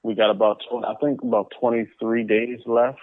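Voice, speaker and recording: Over a muffled line that resembles a phone, a comic book publisher speaks as an interview guest at normal speed. His medium-pitched voice keeps a level tone, and the recording is dry. His manner is casual and informal, with frequent repeated words and phrases.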